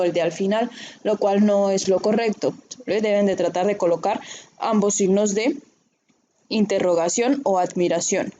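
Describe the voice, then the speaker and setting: A woman's voice: mid-range voice, mellow, a little hiss or hum. A woman teaching a writing class, explaining patiently and often checking in with her students. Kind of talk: recorded online class.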